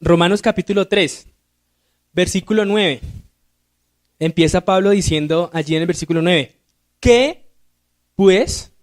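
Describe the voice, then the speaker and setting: Speaking at a moderate pace with frequent pauses, a high-pitched deacon keeps his intonation fairly even while teaching Sunday school grammar in a church classroom. He quizzes the class, supplies the answers himself, and reads verses with rising emphasis.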